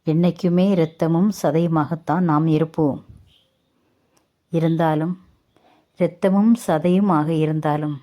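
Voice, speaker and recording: A woman voicing a kind younger sister-in-law in a spoken story, speaking in a gentle, pleading way. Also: sits low.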